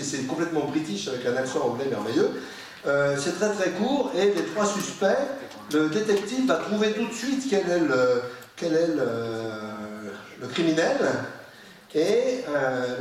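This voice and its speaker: A man lecturing to a public audience in a slightly high voice, lively and informal, given to asides and muttered remarks. He sounds far from the microphone. The sound rings around a large, very echoey hall. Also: slight background noise. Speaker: professor giving a public lecture.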